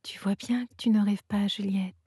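A woman's voice: mid-range voice, fairly even intonation, moderate pace, dark tone, slightly rough, no echo, studio quality. A woman voicing a tiny female fairy in a whispered role-play, with a small, light voice. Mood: playful.

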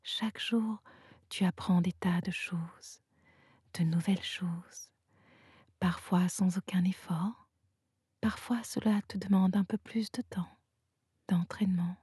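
A wise, gentle unicorn speaks in a hushed, teasing murmur, whispered by a woman telling a bedtime story. The voice is very airy and mellow, and it moves slowly. It sits dry and close, a whispered role-play. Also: fairly low pitch, fairly even intonation, slightly rough, dry recording, full character voice. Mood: reassuring. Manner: soft and teasing.

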